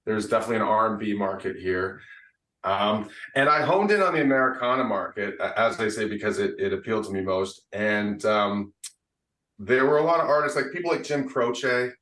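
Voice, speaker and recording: Low-voiced man, roomy and distant. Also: a bit bright. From Canada. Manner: thoughtful, unhurried, with frequent uh and restarts. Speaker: singer-songwriter guest. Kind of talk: casual interview chat.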